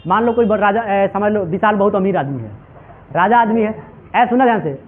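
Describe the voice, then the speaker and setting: The recording is tinny and phone-like, carrying a man's high voice at a fairly quick pace. He is an English teacher lecturing students, repeatedly questioning them in call-and-response fashion and calling them "my children".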